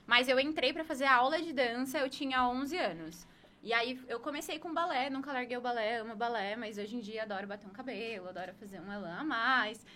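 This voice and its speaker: A woman's voice: on the high side, a little fast, sharp tone, slight background noise. A woman, a dancer and podcast guest, answering with jokes and laughter. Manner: joking and laughing. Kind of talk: casual interview chat.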